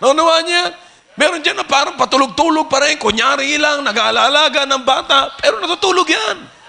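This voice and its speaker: A male pastor preaching a fiery sermon, switching between Tagalog and English and shouting out Bible phrases. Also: very high voice, expressive, normal speed, gravelly. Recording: old church recording.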